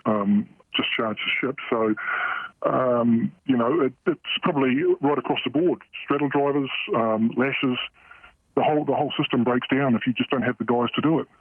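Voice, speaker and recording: A middle-aged port worker with a New Zealand accent and a disguised voice, speaking bluntly and haltingly in a radio news interview. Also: male voice, mid-range voice, no room sound. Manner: blunt, halting, with many fillers and restarts. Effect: voice disguised by processing. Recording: tinny, dry phone-like sound.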